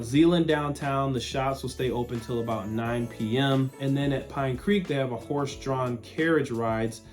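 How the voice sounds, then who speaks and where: A man's voice: mid-range voice, a little mellow. A man from West Michigan, the host of a local relocation channel, talking casually and upbeat to camera. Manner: chatty, upbeat, informal. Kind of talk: casual vlog talk to camera.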